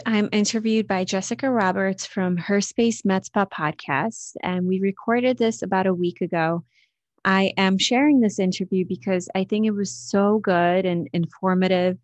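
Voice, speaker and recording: A woman in her thirties from Slovakia, a podcast host and health coach, chatting casually in an interview with lots of filler words. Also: medium pitch. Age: 30s. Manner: chatty, many fillers like "like" and "you know".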